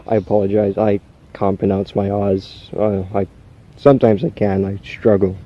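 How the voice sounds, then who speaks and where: A man playing an unhinged, socially awkward killer confessing to camera in halting, rambling speech, with trouble pronouncing his R's. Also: fairly low pitch, flat delivery, warm tone, dull audio, natural voice. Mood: halting, musing. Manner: halting, rambling, stammering, with odd chuckles.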